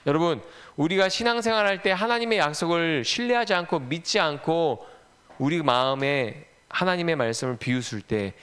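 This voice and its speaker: A man's voice: a little high, a bit bright, clean tone. A man giving a children's sermon, telling a Bible story animatedly and quizzing the kids with questions. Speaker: children's ministry preacher.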